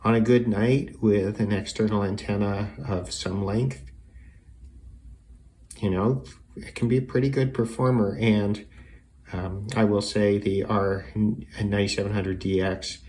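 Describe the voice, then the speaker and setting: Seated indoors at a desk beside a radio, a radio hobbyist and video maker casually demonstrates his hobby, thinking out loud as he goes. His voice is lowish and darkish with fairly even intonation and an unhurried pace, against a noisy room full of radio sound.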